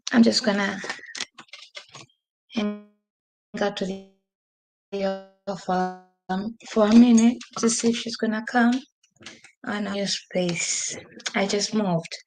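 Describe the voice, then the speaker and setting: This podcast host has a mid-range, darkish, creaky voice with fairly even intonation, speaking slowly and pausing often. She chats and rambles through a casual live stream from a desk by a window in her new home, laughing frequently and noting she's losing her voice. Her computer microphone gives a rough recording with slight background noise.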